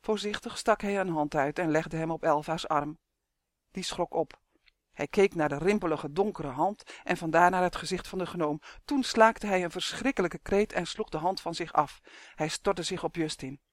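Steady fantasy audiobook narrator. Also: medium pitch, dry recording, clean studio sound. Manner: steady, measured storytelling. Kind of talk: scripted narration of a children's fantasy.

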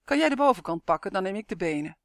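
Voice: medium pitch, animated, quick pace, gravelly, fairly bright tone, no echo, clean studio sound. A reader voicing a friendly but eerie elderly male neighbor who speaks mildly and matter-of-factly. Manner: mild, matter-of-fact, oddly cheerful. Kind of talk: audiobook character voice.

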